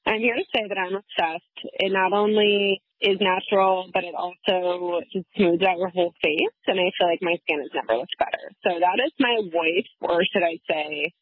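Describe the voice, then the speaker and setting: A woman's voice: on the low side, fairly even intonation, moderate pace, few pauses, breathy edge, dry recording. Woman in her thirties calling in, voicemail over a tinny phone line. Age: 30s. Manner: chatty, enthusiastic, with filler ums. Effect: leaving a voicemail over a phone line. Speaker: caller. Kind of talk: casual voicemail message.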